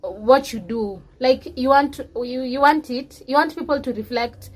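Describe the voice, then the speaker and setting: High-voiced Kenyan woman chatting. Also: a little slow, slightly rough. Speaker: podcast co-host. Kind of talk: casual chat, mixing English and Swahili slang.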